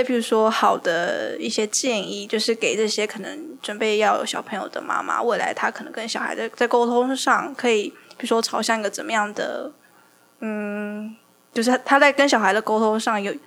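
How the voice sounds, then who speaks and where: A woman's voice: a little high, creaky, fairly bright tone. A young woman, a podcast guest asking questions hesitantly, with many restarts. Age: young adult. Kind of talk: casual interview questions.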